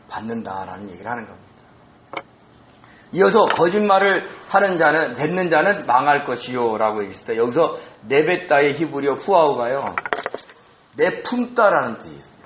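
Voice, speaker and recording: Animated male pastor, roomy echo. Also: fairly high pitch, a little hiss or hum. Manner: animated, asks the congregation rhetorical questions. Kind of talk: expository sermon. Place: church sanctuary.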